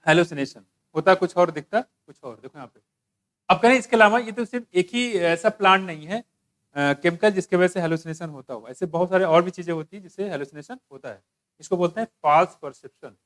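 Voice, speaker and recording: A man's voice: sits high, fairly quick, a bit bright. A male biology teacher giving an exam-prep lecture in a conversational way, asking rhetorical questions and mixing in English terms.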